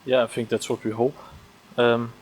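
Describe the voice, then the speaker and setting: A man's voice: medium pitch, level tone, normal speed, a little hiss or hum, poor audio. A man co-commentating a sim race, hesitant and thinking aloud with many ums. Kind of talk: live sim racing commentary.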